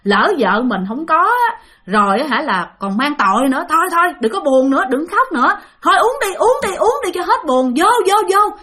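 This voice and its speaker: A woman voicing a tipsy middle-aged man, who scolds and coaxes his friend loudly. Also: high voice, animated, brisk, a little hiss or hum, voice pushed up. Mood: coaxing. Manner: loud, coaxing and scolding. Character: tipsy middle-aged man, shrill and pleading, drinking buddy.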